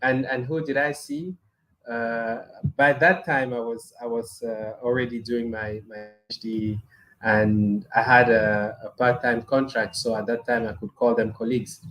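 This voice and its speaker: A middle-aged Cameroonian man hosts a weekly live broadcast on space engineering, talking casually to viewers. His medium-pitched voice is flat, a little slow and a bit bright, and he's hesitant, with frequent restarts, fillers and small chuckles. The recording is rough.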